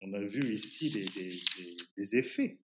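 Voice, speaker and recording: A man speaks French with a foreign, English-tinged accent, pleading his case in an interview. His pitch moves in lively sweeps, and he often stops to hunt for a word before pressing on with emphasis. The room around him rings with echo. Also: very noisy. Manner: halting, searching for words, emphatic. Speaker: podcast guest, activist. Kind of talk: impassioned interview talk. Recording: roomy, echoing sound.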